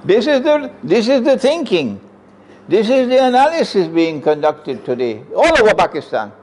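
An older Islamic lecturer from Trinidad, with a Trinidadian accent, gives an emphatic religious talk at a stand mic set close in front of him, in an indoor room with green chairs. His voice sits high and is a little mellow, sing-song at a normal speed, and he poses rhetorical questions to the audience with sweeping hand gestures.

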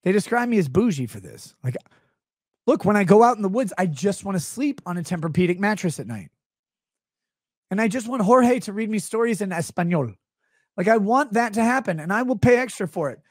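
A man's voice: sits high, lively intonation, a little fast, no echo. A man in his thirties hosting a live stream, ranting comedically and sarcastically on a close studio mic. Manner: sarcastic, rambling, jumps between voices. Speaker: streamer host. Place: small home studio room, indoors. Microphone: close studio mic on stand.

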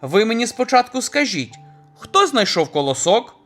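Man playing a busy, good-natured storybook rooster, high and bright, calling out loudly. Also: very animated, moderate pace, soft background music. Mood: calling eagerly. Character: hardworking cheerful rooster, male.

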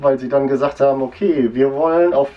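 A man's voice: medium pitch, brisk, distant mic, highs cut off. A man in his forties chatting casually in a comic shop, rambling with many fillers and restarts. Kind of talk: casual chat.

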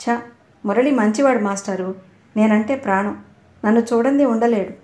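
A woman's voice: on the high side, moderate pace, darkish tone, echoey room, lightly acted. A woman voicing a naive, innocent teenage girl in an audio novel, talking earnestly.

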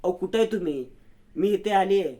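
A man's voice: high voice, fairly quick, warm tone, pitched above the performer's own voice, close to an everyday voice. A man voicing an insistent young woman. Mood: apologetic. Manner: urgent, pleading questions.

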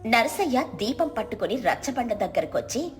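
A woman storyteller reading a scripted moral tale in a steady, descriptive way. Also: fairly high pitch, moderate pace, soft background music.

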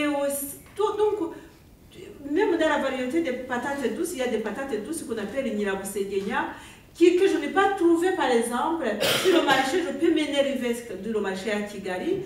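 Rwandan-accented woman author, a touch high, halting speech, recorded from far off in a very reverberant room. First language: Kinyarwanda. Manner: hesitant, often searching for words. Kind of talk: conversation at a book presentation. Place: bookshop event room. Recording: very echoey room, voice far from mic.

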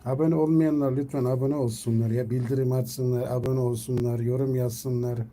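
Man, casual live-stream chat, mellow dark voice, coaxing a cat, faint background noise. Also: little pitch movement, normal speed. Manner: coaxing and calling his cat, loud and high when calling.

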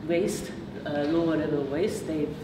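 In a meeting room, a Japanese PhD researcher with a low voice delivers a public talk with slides, her speech hesitant, filler-laden, and full of restarts. The mic is far off, leaving an echoey, noisy sound with a steady background hum.

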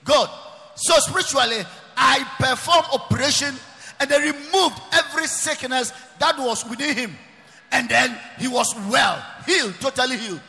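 A man preaching, emphatic and often shouting, repeating his phrases. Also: very high voice, normal speed, creaky. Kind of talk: preaching sermon. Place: large church hall. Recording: long reverb of a large church hall.

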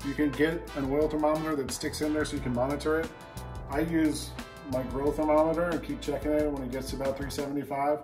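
A man in his thirties hosting a home cooking show, explaining each step in a relaxed way as he cooks in his kitchen. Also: on the high side, fast, poor audio. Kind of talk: casual cooking demonstration. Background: background music.

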